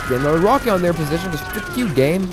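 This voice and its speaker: A man commentating his own war-shooter playthrough, joking and rambling and yelling repeated taunts at enemies. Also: fairly high pitch, big pitch swings, rapid-fire. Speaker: gamer playing a war shooter. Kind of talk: let's play commentary. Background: game soundtrack and gunfire.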